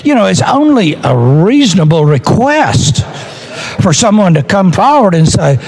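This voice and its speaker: A legislator gives a political floor speech, arguing point by point in a deliberate manner, leaning on rhetorical questions and repetition. His voice is high and sing-song with a darkish tone.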